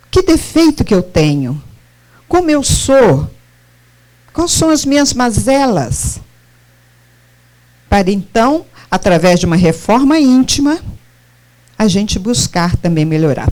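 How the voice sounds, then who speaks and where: A middle-aged woman giving a spiritist lecture, often putting questions straight to her audience. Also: on the high side. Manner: animated, questions the audience directly.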